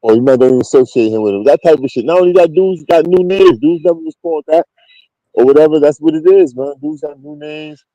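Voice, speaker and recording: A man's voice: on the high side, fast talker, dark tone, no room sound, muffled recording. A man from Queens with a New York accent, telling street stories as a guest in a blunt, slangy, emphatic way. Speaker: interview guest. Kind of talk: casual street storytelling.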